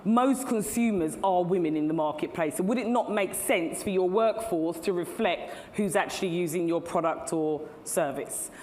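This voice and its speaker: With a fairly low-pitched voice, a middle-aged keynote speaker addresses a live audience in a big tech-event hall, keeping things chatty and laughing at her own asides. There's slight background noise, faint ambience, and long hall reverb.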